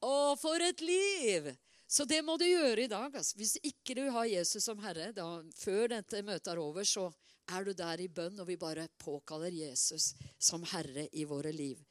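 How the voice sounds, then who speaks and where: A middle-aged woman preaching a sermon in a lively, conversational way, with many asides and repeated words. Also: lowish voice, no echo, clean studio sound.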